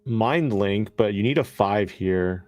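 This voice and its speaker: A man co-casting a card game tournament live, calmly breaking down the plays. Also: fairly low pitch, slow, dry recording, soft background music. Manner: calm, explanatory, breaks down plays. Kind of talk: live color commentary.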